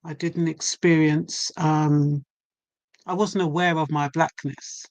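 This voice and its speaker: An English woman in her 70s, a guest poet and author, tells stories in a measured, reflective way during a casual chat. Her voice sits low with a darkish tone and little pitch movement, and the recording is dry.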